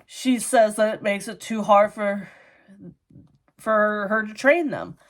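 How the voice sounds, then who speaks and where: Unhurried Minnesotan woman chatting about books. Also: mid-range voice. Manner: chatty, laughing, full of "like" and "you know". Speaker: book vlogger. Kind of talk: casual book review chat.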